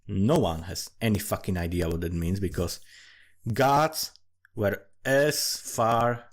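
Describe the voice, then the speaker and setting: This amateur fantasy writer has a lowish, slightly rough male voice. He thinks out loud in a loose, profane ramble about his fantasy world, cursing often and starting his phrases over again and again.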